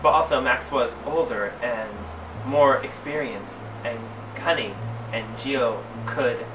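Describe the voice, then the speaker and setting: This man performs a comic story reading with drag queen sass, drawing out words for drama and tossing off mock-shocked side comments. He speaks slowly at a medium pitch, captured on a distant mic in a roomy, clearly noisy setting.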